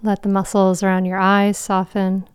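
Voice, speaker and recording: A woman guiding a meditation in a soft, soothing, slow voice with long pauses, breathy and trailing toward a whisper. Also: mid-range voice, monotone, no echo, studio quality. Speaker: meditation guide and show host. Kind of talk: guided meditation.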